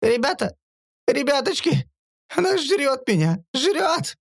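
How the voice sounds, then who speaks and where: A man voicing a cowardly male mercenary tech who whines and panics in a high, whimpering voice. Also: animated, normal speed, creaky, no room sound, studio quality, heavily acted. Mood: whining panic. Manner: whimpering, hysterical, high-pitched.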